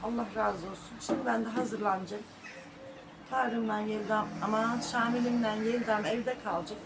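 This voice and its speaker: A woman's voice: fairly high pitch, fairly even intonation, moderate pace, gravelly, background noise. A middle-aged woman vlogging at home, talking to her viewers in a sorrowful, prayerful way and sometimes calling sharply to her dog. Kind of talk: casual home vlog talk to viewers.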